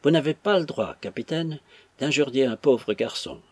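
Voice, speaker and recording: A man's voice: medium pitch, animated, normal speed, darkish tone, husky, no echo. A man voicing a touchy young male servant who protests in a tearful, whining manner. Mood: whining, indignant.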